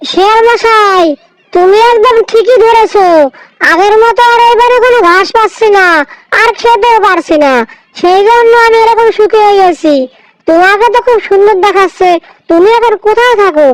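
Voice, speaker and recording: A woman's voice: very high-pitched, normal speed, no echo, low-quality recording. A woman doing a naive, timid cartoon goat. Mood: wondering. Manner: trusting and easily frightened.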